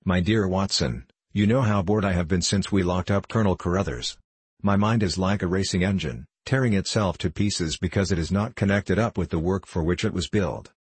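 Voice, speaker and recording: A lofty, precise detective, as a male reader gives him voice delivers his reasoning in a measured, lecturing tone. The voice sits low and husky, with dry irony. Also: no room sound.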